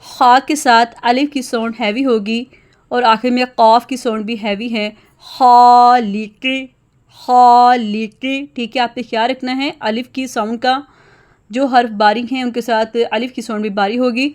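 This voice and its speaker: High, smooth-voiced woman teaching recitation. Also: steady tone. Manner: explains quickly, then recites example words slowly and loudly. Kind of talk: tajweed lesson.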